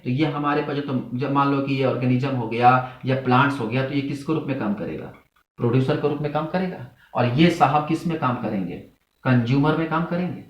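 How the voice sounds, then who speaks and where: In an echoey room, a male zoology teacher lectures his class, posing questions and supplying the answers on his own. He stresses key points by swinging his pitch sharply up and down.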